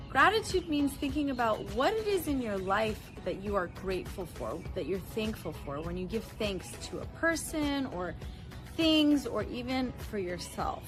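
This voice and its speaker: Woman calmly guiding a gratitude exercise. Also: fairly high pitch, over music. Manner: calm, encouraging instruction with slow breathing cues. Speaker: wellness instructor. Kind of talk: guided gratitude practice.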